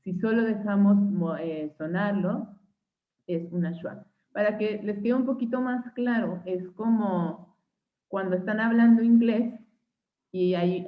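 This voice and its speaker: Mexican woman teaching over a tinny line. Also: on the low side. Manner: checks in with frequent "¿sí?" and "¿va?"; patient, spells out examples slowly. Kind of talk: online phonetics class.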